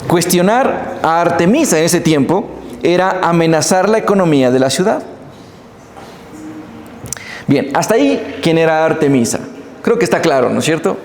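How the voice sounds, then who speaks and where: A man preaching a sermon in a church, telling the story with animated emphasis and speaking straight to the congregation. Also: fairly high pitch, a little hiss or hum. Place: church hall. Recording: echoey church hall.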